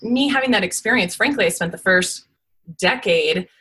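Smoky-voiced woman with a smoker's rasp. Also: medium pitch, expressive, normal speed, pushed and bright, rough recording. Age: 40s. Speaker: podcast interview guest. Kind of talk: candid personal storytelling in conversation.

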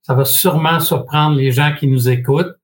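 A Quebec man in his sixties, speaking with a Québécois French accent, appears as a franchise expert guest in an interview. He tells his story in a measured way, hesitating often and slipping in dry humor. His voice sits on the high side with a steady tone.

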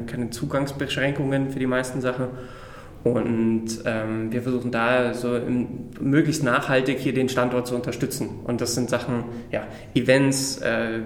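A man being interviewed about his work, explaining things hesitantly and filling pauses with lots of "um"s. He is recorded on site at a venue rather than in a studio, and the room gives his voice a clear reverb. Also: medium pitch. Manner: hesitant, many fillers. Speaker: interview guest, games project manager. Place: on-site at an event venue, not a home studio. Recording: roomy echoing reverb.

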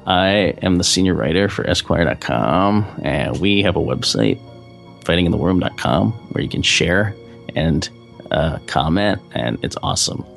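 A man co-hosting a podcast in casual, sarcastic banter, with vocal fry in his voice. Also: sits low, animated, moderate pace, faint music behind. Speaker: podcast co-host; magazine writer.

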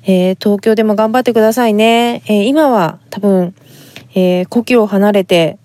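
A woman from Fukuoka, Japan, talks to her listeners in a polite, chatty tone with plenty of fillers. Her voice sits in a middle pitch. It is recorded dry on a close microphone. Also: moderate pace, dark tone, no room sound. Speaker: podcast host. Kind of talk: casual podcast talk reading listener letters.

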